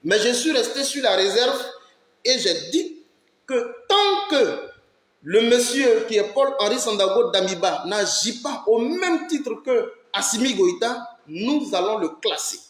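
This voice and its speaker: A political commentator from Ivory Coast hosts his own channel, delivering impassioned commentary in a high, emphatic, fairly bright voice with big pitch swings and an unhurried pace. He poses rhetorical questions and urges listeners to listen, and the recording has a roomy echo.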